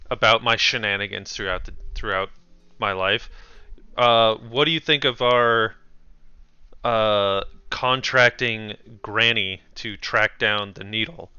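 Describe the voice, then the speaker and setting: A man's voice: fairly low pitch, pushed and bright, smooth, dry recording. A man playing a tabletop game, chatting casually in character in a hesitant, rambling way. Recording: dull, dry close recording.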